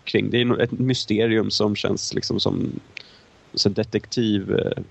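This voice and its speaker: Young guy rambling on about movies in a casual chat, gravelly voice. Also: fairly low pitch, steady tone, dull audio. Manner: talks in long, winding, hesitant turns. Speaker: film podcast co-host. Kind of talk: casual film review chat.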